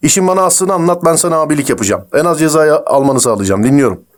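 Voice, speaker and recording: A man making a prank phone call as a stern crime officer, interrogating in a pushy, rapid-fire way. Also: a little high, lively intonation.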